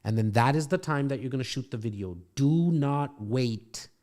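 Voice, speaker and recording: With lively intonation and a darkish, medium-pitched voice, a middle-aged man speaks at a moderate pace. The podcast host and real estate coach is in his home studio, casually mentoring a guest through a brash, profane pep talk.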